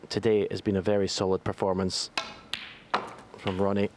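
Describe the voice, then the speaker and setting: A man's voice: low-pitched, completely flat delivery, moderate pace, darkish tone. A man giving matter-of-fact analytical snooker commentary in short, sparse phrases. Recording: faint background noise.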